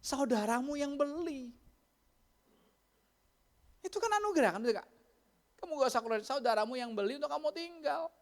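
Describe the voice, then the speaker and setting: A man's voice: very high voice, fairly quick, pauses often. A male pastor preaching a sermon, telling stories playfully and acting out the people in them. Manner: animated, playful storytelling with voiced impressions.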